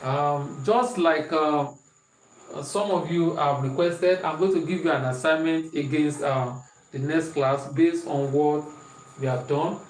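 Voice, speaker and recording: A slightly high, slightly slow male voice with a Nigerian accent teaches maths online, repeating questions, reading out students' answers, and working examples. The recording is from a distant mic in an echoey room, off-mic, with faint hiss.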